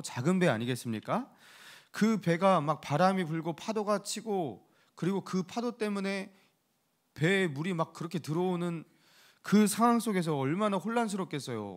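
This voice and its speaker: A male pastor delivering a sermon in a church with a lively, animated voice that swings widely in pitch. He pitches a little higher than most men and acts out quoted lines with bursts of energy. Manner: lively, animated preaching with laughs and acted-out quotes. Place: church sanctuary.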